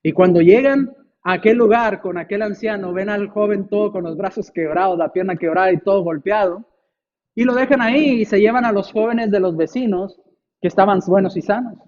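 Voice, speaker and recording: A man preaching a sermon, telling a story and acting out the villagers' voices with big jumps in pitch. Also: fairly quick, darkish tone, lo-fi sound. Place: church.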